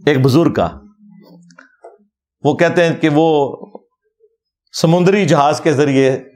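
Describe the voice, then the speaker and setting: Mocking man, higher voice. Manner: mocking, argumentative. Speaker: religious speaker. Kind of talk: critical religious talk.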